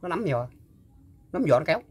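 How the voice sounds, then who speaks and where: An older man, recalling a story in casual talk and pausing often with fillers and repeated words. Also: on the high side, big pitch swings, darkish tone, slightly rough. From Mekong Delta, Vietnam. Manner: halting, full of fillers and repeats. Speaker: guest storyteller. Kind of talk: casual spoken recollection.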